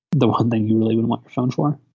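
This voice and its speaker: Husky guy chatting on a podcast, stumbles over words, muffled low quality stream audio. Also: fairly even intonation, darkish tone. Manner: hesitant, halting, repeats words. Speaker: podcast co-host. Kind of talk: casual podcast chat. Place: hotel room, remote call. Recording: low-quality, dull internet call over phone hotspot.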